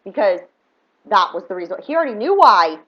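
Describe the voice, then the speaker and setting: A woman's voice: mid-range voice, big pitch swings, a little fast, bright, forceful tone. A woman telling a heated personal story in an emphatic, fired-up way, acting out the dialogue as she goes. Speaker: spiritual reader and vlogger. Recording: dull lo-fi sound.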